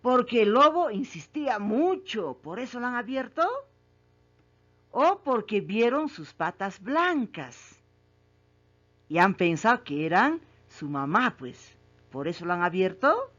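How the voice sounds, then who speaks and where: A woman's voice: medium pitch, sing-song, measured pace, fairly bright tone. A woman teacher asks children questions about a story, repeats each question, and then confirms the right answer. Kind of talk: reading comprehension quiz for children. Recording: muffled lo-fi recording.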